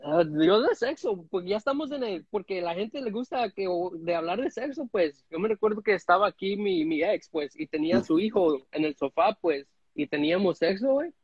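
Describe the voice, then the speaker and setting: A man's voice: sits high, lively intonation, fairly quick, hardly any pauses, husky, no echo. A man, joining a live stream by phone from home and telling crude stories with many restarts. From United States. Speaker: guest caller on a live stream. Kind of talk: casual chat. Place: indoor room at home. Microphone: phone front camera at arm's length. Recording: dull lo-fi phone audio.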